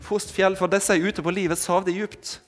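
A man with a high, steady voice leads an object lesson during an interactive sermon, using props and summoning volunteers whom he coaxes with short, repeated commands. The recording has a long hall reverb.

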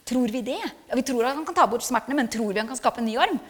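A woman's voice: fairly high pitch, expressive, slightly rough. A middle-aged woman giving an earnest, reflective personal testimony in a sermon, hesitating with fillers, then building to emphatic passages. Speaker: speaker giving a church testimony. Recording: long hall reverb.

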